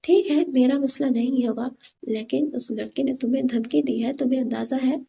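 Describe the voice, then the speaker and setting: A woman's voice: high-pitched, fairly even intonation, creaky, warm tone. A woman voicing a blunt, protective young man in an audiobook story, talking firmly and plainly. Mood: stern.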